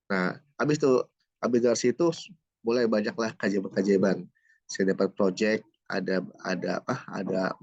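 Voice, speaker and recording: In a dull, echo-free recording, a middle-aged man from Jakarta, Indonesia, speaks at a fairly low pitch while giving his personal testimony as an interview guest. A certified trainer, he narrates like a storyteller, acts out conversations, and tags his lines with asides, often "gitu kan".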